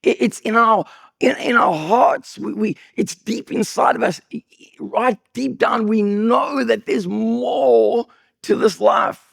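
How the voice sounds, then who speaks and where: A man preaching a sermon as pastor, with an accent, telling humorous stories with sudden high bursts of emphasis. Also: slow pace, no echo, studio quality. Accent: non-local accent. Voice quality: gravelly, husky voice. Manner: animated, jokey storytelling with sudden high bursts.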